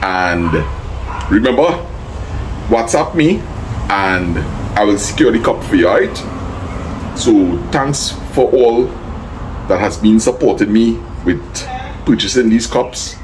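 A man's voice: on the low side, expressive, takes it slowly, pauses often, slight background noise, low-quality recording. A man with a Trinidadian accent, chatting casually to his viewers and thanking people by name. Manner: easygoing, thanks people by name, gives plain advice. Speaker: vlogger. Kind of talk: casual vlog chat.

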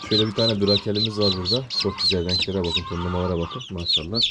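With a low voice, flat delivery, and quick pace, a man vlogs about his poultry outdoors at a coop, wearing a head-mounted camera. He chats casually to viewers and coos affectionately at his dog and chicks in baby talk, while loud chickens and roosters fill the background.

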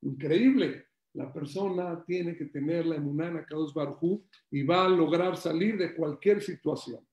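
Male Torah teacher, high and lively, repeats himself; roomy echo. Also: normal speed, few pauses, dull audio. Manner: animated, repeats phrases, acts out stories. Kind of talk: religious class.

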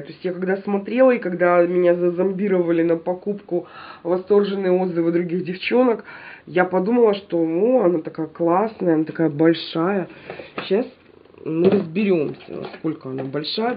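Stuffy-nosed from a cold, a woman chats casually at home with her viewers while showing off a shopping haul. Her voice sits on the low side at normal speed, and the audio is narrow and tinny. She's chatty and animated, speaking straight to her audience.

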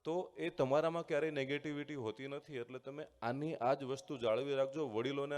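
A man who is a former student giving a motivational speech with a story to schoolchildren, earnest, acting out voices and slowing down for key points. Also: mid-range voice. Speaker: guest speaker, former student addressing schoolchildren. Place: large hall at a school event. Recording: long hall reverb.

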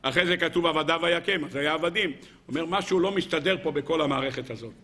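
Animated rabbi with a bright, high voice. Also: male voice. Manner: animated, rhetorical questions, acts out quotes. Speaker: rabbi teaching a weekly Torah class. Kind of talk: Torah lesson with storytelling.

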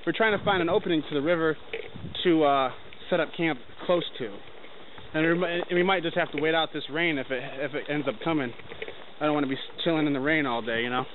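A young man hiking through a forest films his trip on a handheld camera at arm's length, rambling loosely as he walks. His voice is a little high and his pace quick. The camera audio is tinny and lo-fi, with faint noise.

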